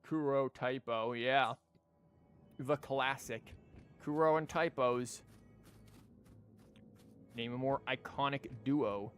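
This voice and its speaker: Over background game music, a man streams his gameplay with casual, jokey, sweary commentary. He speaks slowly with frequent pauses, in a mid-range, fairly bright voice.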